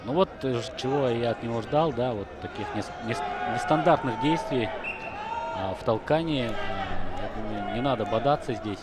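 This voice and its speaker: A man's voice: mid-range voice, moderate pace, a loud crowd. A man giving conversational live wrestling commentary, thinking through the bout as he talks. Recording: noisy sports hall broadcast. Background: loud arena noise.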